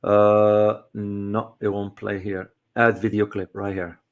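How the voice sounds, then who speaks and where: A middle-aged man hosting a casual community livestream, talking in a halting way with many fillers and restarts. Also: lowish voice, little pitch movement, narrow, tinny audio. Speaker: host.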